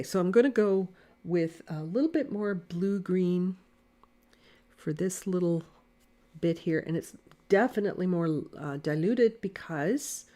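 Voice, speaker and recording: A woman teaching watercolor painting in a live lesson, speaking quietly and thinking aloud as she paints, on a desk mic. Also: on the low side. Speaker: watercolor art instructor. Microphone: desk mic near camera.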